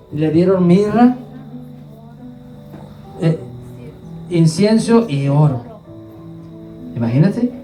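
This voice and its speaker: Pastor preaching in a roomy church. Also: male voice, on the high side, dark tone, recorded from a distance. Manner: storytelling, acting out quoted voices. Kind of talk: sermon. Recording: roomy church with faint guitar.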